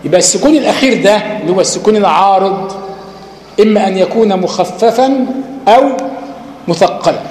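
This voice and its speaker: A man's voice: high voice, darkish tone. A man with an Egyptian accent, a sheikh giving a spoken lecture on recitation rules, explaining step by step and asking and answering his own questions. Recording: echoey hall with faint noise.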